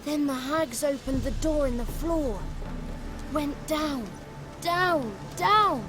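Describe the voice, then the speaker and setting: A man's voice: very high-pitched, slow pace. An actor voicing a small, nervous and cheeky male goblin creature, telling his story in a folksy, rustic way. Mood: fretful. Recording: game audio with loud music.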